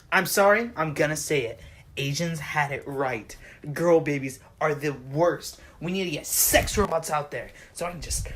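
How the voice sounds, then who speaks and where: A young man delivering a profane, deliberately dark comedic rant to camera, exaggerated and complaining. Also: fairly high pitch, a little hiss or hum. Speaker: vlogger.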